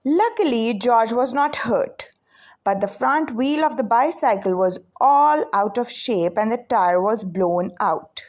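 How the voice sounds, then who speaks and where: In a slightly high voice, a woman brings a children's picture book to life, reading it aloud in a deliberate, expressive way.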